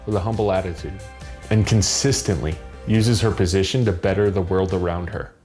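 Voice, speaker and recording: Male host narrator, low voice, steady scripted delivery. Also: brisk, soft background music. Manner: even, earnest voice-over.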